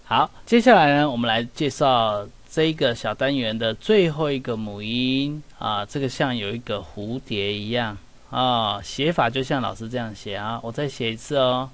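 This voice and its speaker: A middle-aged man giving a relaxed English pronunciation lesson in Mandarin. He talks in a chatty way and keeps asking the class "right?" and "see?". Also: medium pitch, moderate pace. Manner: chatty, with many "哈" and "有没有" asides. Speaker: English teacher.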